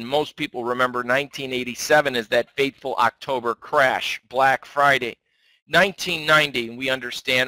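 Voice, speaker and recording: A man's voice: mid-range voice, pushed and bright, dry recording, poor audio. A man giving a weekly stock market outlook in a conversational, self-correcting way. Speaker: market analyst. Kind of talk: market commentary.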